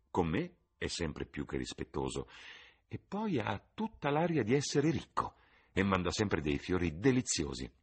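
A man voicing a vain, theatrical middle-aged mother in an audiobook, husky and fussy. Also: sits low, heavily acted. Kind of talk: audiobook reading.

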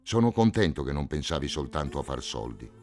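A man's voice: extremely low pitch, sing-song, fairly quick, darkish tone, pitched below the performer's own voice, heavily acted. A man reading a novel aloud, voicing a blunt countryman friend in a somewhat raised, firmer tone than his narration. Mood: reflective.

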